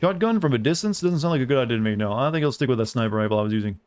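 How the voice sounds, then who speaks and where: Talking very fast and animatedly, this southern American man streams a game, rambling loosely and cracking self-deprecating jokes for his audience. His mid-range voice has a darkish, clean tone.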